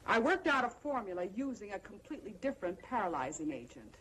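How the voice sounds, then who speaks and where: An actress playing a cold, confident mad scientist in an old horror film, speaking in a clinical, imperious, deliberate way. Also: female voice, medium pitch, big pitch swings, a bit bright, slight background noise, low-quality recording. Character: cold, confident female mad scientist breeding obedient slaves.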